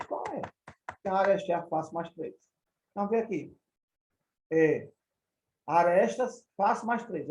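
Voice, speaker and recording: A man's voice: sits high, darkish tone, echoey room, muffled recording. A male math teacher with a Brazilian Portuguese accent, patiently repeating and counting through each example step by step. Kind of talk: recorded classroom lesson.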